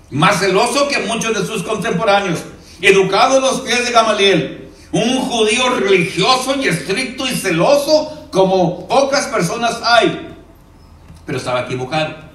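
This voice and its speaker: High-voiced man preaching in an echoey church. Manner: reads scripture aloud, slowing down on quoted verses; drops to a quiet, low voice for emphasis. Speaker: pastor. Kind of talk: sermon. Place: church hall. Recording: echoey room from far off.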